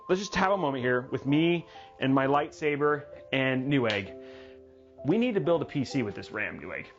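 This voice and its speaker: A man hosting a livestreamed tech news show, animated and jokey, with dramatic asides. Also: a little high, dull audio. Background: music playing under the voice.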